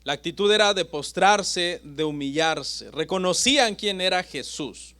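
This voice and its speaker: A man preaching a sermon as pastor, with dramatic pauses and swings between loud and soft. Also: sits high, expressive.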